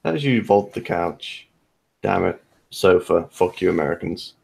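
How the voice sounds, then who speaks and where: A man's voice: low voice, expressive, measured pace, vocal fry, darkish tone, slightly rough. A man narrating as game master of a tabletop game, speaking in a laid-back, rambling way full of fillers.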